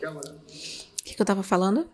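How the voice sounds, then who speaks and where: A woman's voice: mid-range voice, sing-song, moderate pace, a little mellow, a little hiss or hum. A woman with a Brazilian Portuguese accent interpreting a spiritual talk, retelling a sacred story with hesitations and self-corrections. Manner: hesitant, self-correcting, apologizing for lost words.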